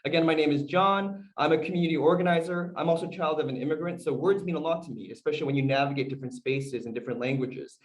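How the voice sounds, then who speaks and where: A man from the United States whose first language is Korean talks to an audience over a video call as a community organizer. His voice is on the high side and he speaks fast with few pauses, keeping it conversational, asking questions and using lots of fillers, though the audio is poor.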